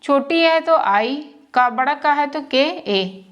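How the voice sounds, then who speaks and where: Female teacher, high and unhurried, patient, sounds out each syllable. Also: animated, fairly bright tone. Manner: patient, repeats and checks with "ठीक है". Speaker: English spelling teacher. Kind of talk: slow spoken lesson.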